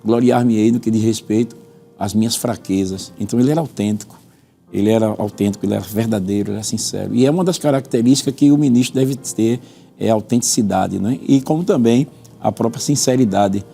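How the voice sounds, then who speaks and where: Gravelly dark-voiced Brazilian pastor. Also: male voice, fairly low pitch, fairly even intonation, fast talker, soft background music. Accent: Brazilian Portuguese. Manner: earnest, expository, quotes scripture and repeats points for emphasis. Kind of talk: teaching on a religious TV panel.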